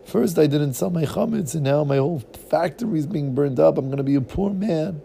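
A fretful middle-aged businessman, put on by a storyteller, exclaims in a raised, gravelly voice. His pitch leaps and swings as he frets. A faint hiss sits under the recording. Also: expressive, moderate pace, dark tone. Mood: despairing.

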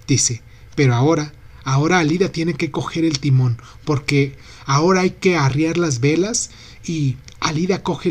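A man narrating a literary novel in a steady, unhurried reading voice. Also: fairly high pitch. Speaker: audiobook narrator.

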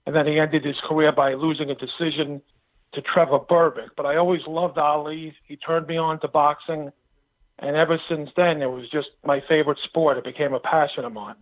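A man's voice: fairly high pitch, steady tone, fairly quick. A middle-aged man giving casual interview answers as a boxing pundit calling in by telephone. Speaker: boxing pundit, phone-in guest. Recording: tinny phone line.

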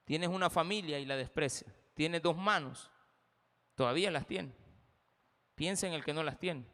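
Brief: impassioned Salvadoran male pastor, bright forceful voice, big echoing church. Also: on the high side, normal speed. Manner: impassioned, addresses the congregation directly. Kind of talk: sermon.

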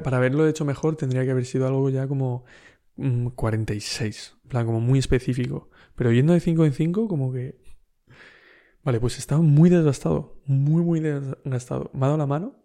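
Un hombre con acento de España que cuenta una anécdota en tono informal, relajado y con risas frecuentes. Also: male voice, medium pitch, mellow. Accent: Spain Spanish. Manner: laid-back anecdotal, laughs often, slangy. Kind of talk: casual storytelling.

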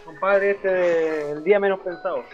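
A man's voice: high-pitched, fairly even intonation, normal speed, highs cut off, loud music behind the voice. A man with a Chilean accent cutting in pushily to add context during a casual podcast chat. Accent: Chilean Spanish. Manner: pushy, cuts in to add context. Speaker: podcast panelist.

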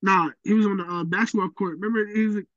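A man with a high voice co-hosts a casual podcast. He talks emphatically, swears freely and pushes back on the other host's points. The recording is dry and a little dull. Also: steady tone, quick pace, fairly bright tone, no echo. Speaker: podcast co-host. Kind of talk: casual chat.

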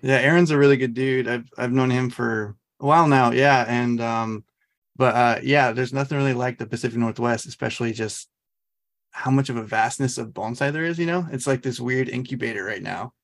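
A man's voice: mid-range voice, brisk. An American man from Oregon hosting a podcast, chatting in a casual, easygoing and agreeable way. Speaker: podcast host. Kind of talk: casual chat interview.

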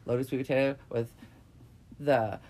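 A woman co-hosting a podcast, telling a story in frank, profane, animated casual chat. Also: very deep voice, measured pace, slight background noise. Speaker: podcast co-host.

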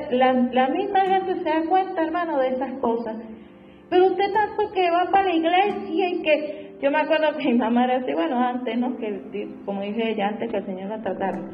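A woman preaches a fervent sermon and returns again and again to her refrains. Her voice sits a bit high, and the room echoes around her. The recording sounds dull and lo-fi, with soft music underneath. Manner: fervent, repeats "hermano" and "gloria al Señor".

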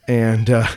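A man's voice: mid-range voice, mellow. A man co-hosting a podcast in casual comedic chat, joking and laughing often, with frequent restarts. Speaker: podcast co-host.

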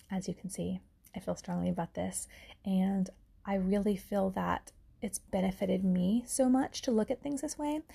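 Gravelly-voiced woman hosting a podcast. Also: mid-range voice. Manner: earnest, reflective, with soft laughs. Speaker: podcast host and author. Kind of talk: casual solo podcast talk.

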